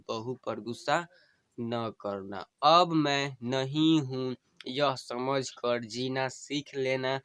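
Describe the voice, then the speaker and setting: A man's voice: medium pitch, fairly bright tone, clear, resonant tone, dry recording. A man reading the farewell words of a dying wife to her husband, tender and repeating each plea twice. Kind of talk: emotional story reading.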